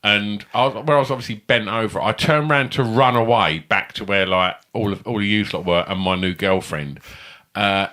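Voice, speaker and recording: A man's voice: on the low side, normal speed, pushed and bright. A man co-hosting a comedy podcast, telling rambling, sweary anecdotes. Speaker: podcast co-host. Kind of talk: casual comedic storytelling.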